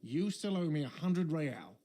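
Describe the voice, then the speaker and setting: A man's voice: a little high, animated, moderate pace, dark tone, natural voice. An actor voicing a grumpy, money-minded male cafeteria manager in a video game, curt and irritable.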